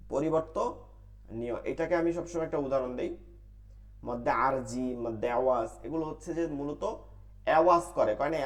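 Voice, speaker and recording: প্রশ্ন করে নিজেই উত্তর দেওয়া পুরুষ কুরআন শিক্ষক. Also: male voice, mid-range voice. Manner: asks questions and answers them himself, repeats rules in a drill. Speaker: Quran recitation teacher. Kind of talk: online tajweed class.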